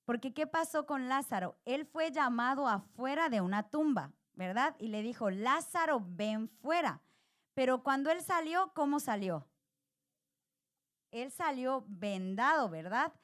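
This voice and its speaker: A woman's voice: high voice, expressive, a little slow, fairly bright tone. Woman pastor preaching conversationally. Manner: conversational preaching with asides and quoted inner voices. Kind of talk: sermon. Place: church sanctuary.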